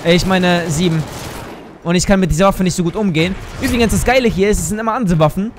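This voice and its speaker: A man giving live commentary on a shooter game, excitable, exclaiming and cursing as he plays. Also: high-pitched, fast talker, a little hiss or hum. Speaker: gaming YouTuber. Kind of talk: live let's play commentary.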